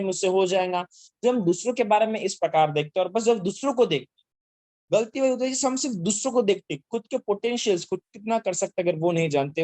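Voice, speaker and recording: A man telling a Buddhist Jataka story and its lesson to children, speaking haltingly with many fillers and restarts. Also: sits high, darkish tone, no room sound. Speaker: Buddhist teacher.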